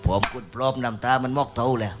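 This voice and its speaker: A man's voice: medium pitch, flat delivery, fast talker. A man, a shadow-puppet master, giving folksy moral commentary on stage at an outdoor festival. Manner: preaching, folksy. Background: live band music.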